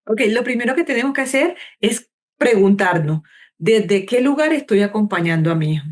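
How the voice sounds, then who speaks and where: Calm, measured woman psychologist. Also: medium pitch. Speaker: clinical psychologist guest. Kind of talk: calm explanatory interview talk.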